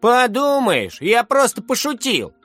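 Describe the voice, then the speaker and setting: A man's voice: very high-pitched, huge pitch swings, unhurried, fairly bright tone, soft background music, pitched above the performer's own voice, heavily acted. A man voicing a mean, defiant fourth-grade boy who taunts and drags out his retorts. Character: bratty mean schoolboy, defiant and cheeky.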